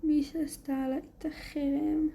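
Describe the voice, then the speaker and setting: A woman's voice: high-pitched, level tone, vocal fry, warm tone, a little hiss or hum, pitched above the performer's own voice. Woman whispering as a scared, stammering teen girl. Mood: frightened. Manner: shaky, stammering, pleading. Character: frightened bullied teenage girl, tearful. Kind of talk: whispered role-play.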